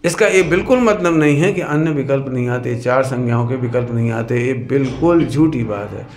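A man giving a sermon in a lively, questioning way, who sometimes sings verse lines. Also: medium pitch, moderate pace. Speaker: religious teacher. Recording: echoey hall with some noise.

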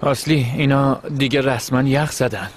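A man's voice: medium pitch, close to an everyday voice. Guy doing a laid-back boyfriend, mid voice, grumbly, faint room noise. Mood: offhand. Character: easygoing young boyfriend.

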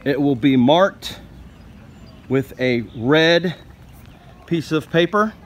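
Narrating a school news video, a young man reads a script of instructions in a plain, steady way. He takes it slowly, and his voice is on the high side and animated.

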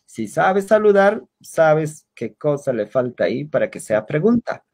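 A man teaching an online language class over a video call, patiently repeating words slowly for his students. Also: on the high side, very animated, darkish tone.

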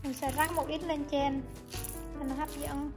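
A woman's voice: high-pitched, level tone, a little slow. A young woman, talking viewers through a recipe in a casual, chatty home-kitchen voice-over. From Vietnam. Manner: chatty, friendly step-by-step explaining. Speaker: cooking vlogger. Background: soft background music.

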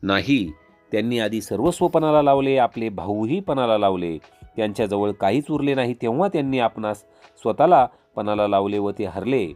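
A man's voice: on the low side, lively intonation, moderate pace, a little mellow, faint music behind, lightly acted. A man voicing an obedient male servant who speaks politely and formally. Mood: deferential.

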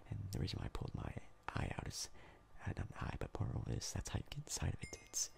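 A young ASMR gaming YouTuber offers soft-spoken game commentary in a breathy, crackly whisper. He's casual and rambling, with hesitant pauses.

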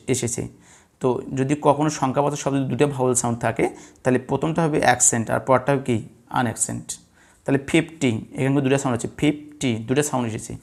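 A Bangladeshi man teaches English word stress at the blackboard, patiently repeating the rules and posing questions to his students that he then answers himself. His mid-range voice is creaky with a darkish tone.

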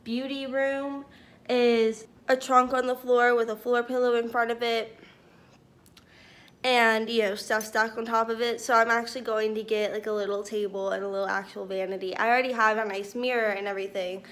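A woman's voice: on the high side, level tone, moderate pace, fairly bright tone. A woman in her twenties casually touring her empty new apartment on a handheld phone, chatty and upbeat. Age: 20s. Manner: chatty, upbeat, says "cute little" a lot. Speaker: vlogger. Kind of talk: casual house-tour vlog. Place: empty apartment with bare walls. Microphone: handheld phone camera. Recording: echoey empty rooms, faint room hiss.

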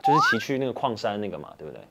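A man's voice: fairly low pitch, big pitch swings, very fast, vocal fry, very noisy. A young man chatting casually as a participant in an interview. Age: young adult. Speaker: reality show participant. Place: indoor interview room, seated.

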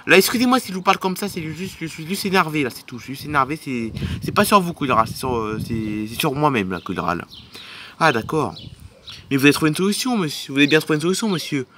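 A man's voice: fairly high pitch, very animated, fast talker, bright, forceful tone, slight background noise. A man voicing a grumpy stranded boat driver in a toy film, muttering and blaming himself. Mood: exasperated. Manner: annoyed, muttering, self-blaming.

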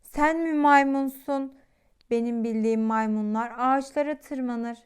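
A woman's voice: a little slow, smooth, lightly acted. A woman voicing a lazy, curious little boy dinosaur in a children's storybook, sounding surprised. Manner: high and surprised when voicing him.

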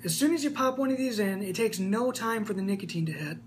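A fast-talking snus reviewer in his twenties, high-pitched with lively intonation, gives an eager, casual product review. He's recorded on a camera indoors in a small room, and there's a faint background hum.

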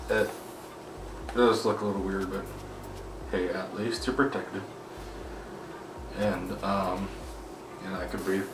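A man talking through a face mask in a casual, rambling product review, full of fillers. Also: lowish voice. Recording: echoey room, mic at a distance, clear background noise.

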